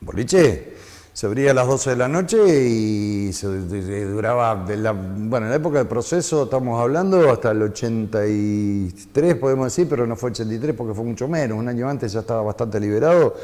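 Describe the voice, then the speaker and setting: Reminiscing Argentine man, mellow voice. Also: mid-range voice, lively intonation, brisk, in a large hall. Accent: Argentine Spanish. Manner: reminiscing, rambling with frequent fillers. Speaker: interview guest, former DJ. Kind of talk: conversational interview.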